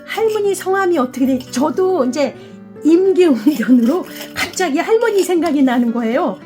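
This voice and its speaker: A middle-aged woman with a bright, high voice tells a story in a relaxed, chatty way as she works with plants. She acts out both sides of a phone call. Soft music plays faintly under her voice. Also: normal speed. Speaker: succulent channel host. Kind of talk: casual storytelling while repotting plants.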